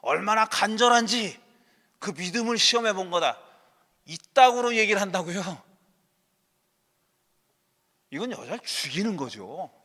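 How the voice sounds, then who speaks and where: Male pastor, middle-aged, high and bright, conversational sermon with sharp asides, long church reverb. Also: animated, measured pace, pauses often. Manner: conversational preaching with rhetorical questions and sharp dismissive asides. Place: church sanctuary.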